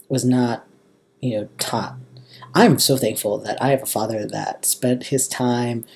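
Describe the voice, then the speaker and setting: A young American man with a slightly husky voice and a valley girl way of talking, chatting casually in a personal vlog. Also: mid-range voice, darkish tone. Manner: valley girl inflection, drawn-out casual phrasing. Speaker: vlogger.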